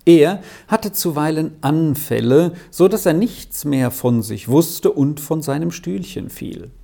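A man narrating a children's story in a calm, measured reading. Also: mid-range voice, gravelly. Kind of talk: audiobook narration.

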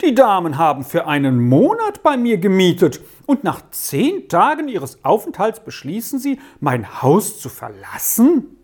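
A woman voicing a male innkeeper who speaks solemnly and slowly, in a storybook reading. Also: mid-range voice, wildly swooping pitch, a little mellow, husky, exaggerated voice. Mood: astonished. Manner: solemn, drawn-out. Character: astonished, ceremonious male innkeeper.

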